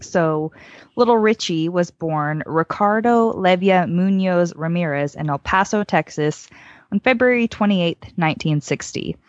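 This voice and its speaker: Low-voiced woman telling true crime, dull dry recording. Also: unhurried, no room sound. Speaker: podcast co-host. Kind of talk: true-crime storytelling from notes. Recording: dull lo-fi dry close audio.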